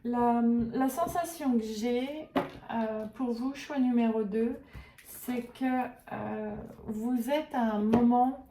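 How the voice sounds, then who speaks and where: A woman with a higher, mellow voice talks through an intuitive oracle card reading, often pausing to search for the right words. Her voice sits a little back from the mic in a roomy space with noticeable echo. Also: recorded from a distance, a little hiss or hum. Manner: hesitant, searching for words with many fillers. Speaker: tarot and oracle card reader.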